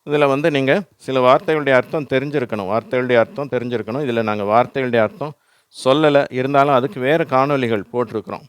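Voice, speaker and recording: Tamil-accented male teacher, patient and repetitive, smooth clear voice, dry close voice-over. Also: mid-range voice, fast talker. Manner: patient, repeats words for the listener to echo. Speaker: English teacher. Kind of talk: slow instructional explanation.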